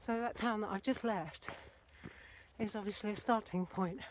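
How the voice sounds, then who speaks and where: A woman from Britain records herself on a handheld camera as she walks outdoors, speaking casually, rambling, self-correcting, and slightly winded. Her voice is mid-range at a moderate pace, with slight background noise.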